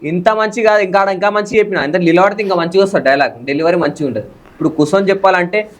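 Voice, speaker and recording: A young man, a content creator in a casual interview, talking fast and excitably. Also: high voice. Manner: fast, excitable, bursts into loud dramatic dialogue delivery. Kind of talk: casual interview with acted film dialogue.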